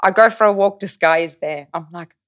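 A young German woman, a native speaker with a German accent, chats casually as a podcast guest, telling a lively story in a lowish voice at a fairly quick pace. She corrects herself as she goes and sometimes hunts for the right English word.

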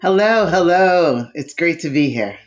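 A woman's voice: on the low side, lively intonation, unhurried, soft background music. A woman from New York, a dancer, talking as an interview guest in an effusive, rambling way with many fillers. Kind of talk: casual conversation.

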